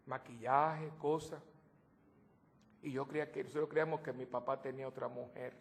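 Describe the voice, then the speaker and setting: A priest giving a sermon to his congregation, animated, with joking asides and swings between loud outbursts and soft low remarks.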